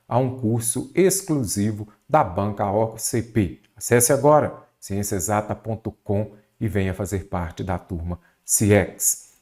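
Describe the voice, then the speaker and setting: A Brazilian man teaches a Portuguese grammar lesson for exam prep, posing questions and then answering them himself. His voice is medium-pitched and a little mellow.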